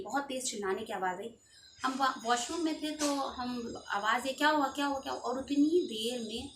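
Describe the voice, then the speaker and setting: A woman's voice: a little high, roomy sound. A woman in her thirties telling a painful personal story in an emotional, pleading and indignant way. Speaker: channel host telling her own story. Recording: distant mic with clear background noise.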